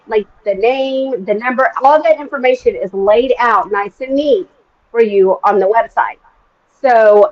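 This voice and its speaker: A middle-aged woman with a Texan accent co-hosting a casual tasting chat, talking in a chatty way with fillers and quick restarts. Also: a little high, lo-fi sound. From Texas. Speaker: podcast co-host.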